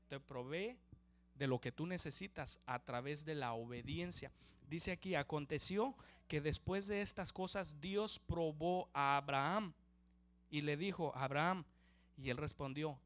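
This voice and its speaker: A man's voice: on the high side, a bit bright. A male pastor preaching a sermon, reading scripture aloud and dramatizing it with rhetorical questions to the congregation. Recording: live church stream.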